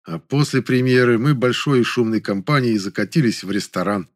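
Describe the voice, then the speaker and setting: A man narrating a novel in the first person, measured and wry. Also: medium pitch. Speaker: audiobook narrator.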